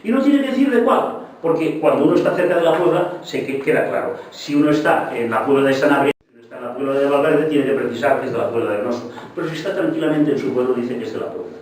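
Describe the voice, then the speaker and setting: A man's voice: a little high, fast talker, few pauses. Older professorial man in an echoey hall. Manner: professorial, digressive, lively emphasis. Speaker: lecturer. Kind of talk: public talk. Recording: echoey hall, mic from far off.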